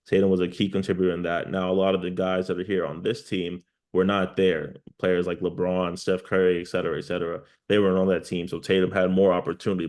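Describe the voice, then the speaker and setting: Low, even-voiced male sports analyst. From New York. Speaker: sports journalist, interview guest. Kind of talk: basketball analysis in an interview.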